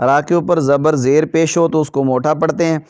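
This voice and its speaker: A man teaching Quran reading who chants letter drills slowly and explains quickly in between. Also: on the high side, fairly even intonation, darkish tone, no room sound. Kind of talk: slow drilled recitation lesson.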